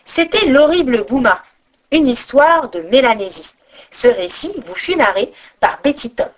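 A woman reading a folk tale aloud as storyteller, expressive, with sung-out sound effects. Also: sits high, unhurried. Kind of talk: storybook narration.

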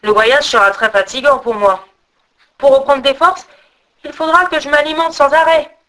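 A woman voicing a big, hungry male eagle in a storybook tale, calling out loudly and insistently. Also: high voice, normal speed, voice pushed up. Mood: demanding. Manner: loud, insistent cries.

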